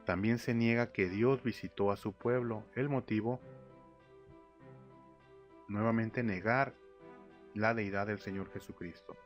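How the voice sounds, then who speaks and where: A man's voice: fairly low pitch, fairly even intonation, a little slow, long pauses. A man teaching a narrated Bible slideshow lesson, reading verses aloud and then explaining them with fillers and restarts. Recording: lo-fi audio with faint music. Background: faint instrumental music.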